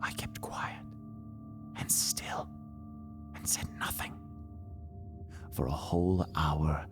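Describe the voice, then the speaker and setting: Whispering slowly in a steady tone over music, a man performs a melodramatic Gothic horror monologue as a nervous, boastful madman admitting to a killing. The performance swings between hushed and shrill overall, and here the mood is hushed and tense.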